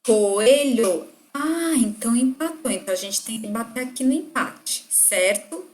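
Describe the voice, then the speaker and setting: A woman teacher demonstrating word games for a class, explaining patiently and stretching words out clearly. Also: a little high, expressive, normal speed. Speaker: literacy teacher. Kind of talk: online lesson demonstration.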